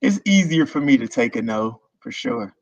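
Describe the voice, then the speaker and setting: Talking about himself in a relaxed, meandering way, a German content creator appears as a video-call guest in a casual interview. His medium-pitched voice has lively intonation at a moderate pace, with no room sound in the dull lo-fi stream audio.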